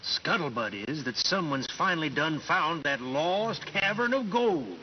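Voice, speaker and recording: A man's voice: on the high side, expressive, a little slow. A man playing a folksy, gossipy small-town character in a video game. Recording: dull, muffled game audio.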